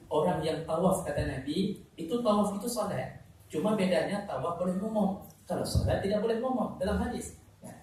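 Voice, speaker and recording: A man preaching in a hall with heavy echo, picked up from a distance. He talks in a lively, humorous way and keeps asking his listeners questions. A faint noise runs underneath. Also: high voice. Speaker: Islamic preacher. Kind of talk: sermon to pilgrims.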